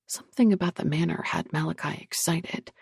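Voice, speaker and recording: Low gravelly woman narrating a novel. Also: a little fast, a little mellow, dry recording, clean studio sound. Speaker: audiobook narrator. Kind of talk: scripted narration.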